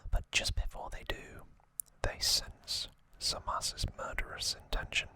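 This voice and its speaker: Recorded with no room sound, an ASMR trivia host narrates in an unvoiced, breathy whisper right up against the microphone. The pace is slow and unhurried as the host summarizes an anime saga, gently echoing words for effect.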